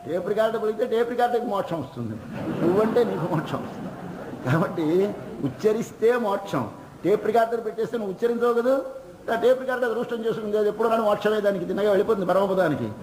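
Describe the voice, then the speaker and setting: A man's voice: sits high, roomy sound, noisy background. A man with a Telugu accent giving a devotional sermon, asking questions and answering them himself. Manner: asks and answers his own questions; chants verses in a slow singsong. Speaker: religious discourse speaker.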